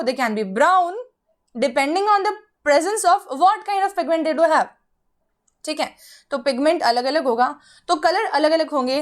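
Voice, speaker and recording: A young woman with an Indian English accent teaching a biology lecture, mixing Hindi and English and explaining step by step to her students. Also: sits high. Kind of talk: online exam-prep lecture.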